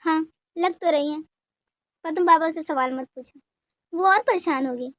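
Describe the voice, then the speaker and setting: A woman voicing a calm, protective father. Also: very high-pitched, moderate pace, no echo, studio quality. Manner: calm, firm.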